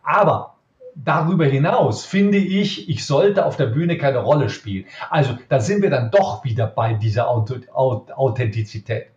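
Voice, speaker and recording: A middle-aged magician from Cologne with a Cologne accent, answering interview questions emphatically and tagging points with quick questions. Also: male voice, medium pitch. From Cologne, Germany. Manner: emphatic, lively, frequent "ja?" tag questions. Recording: roomy, dull lo-fi sound.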